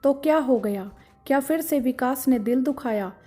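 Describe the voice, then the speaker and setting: A woman's voice: high-pitched, normal speed, mellow, slightly rough, faint music behind. A woman voicing a stern, caring middle-aged husband who scolds with indignation. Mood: concerned.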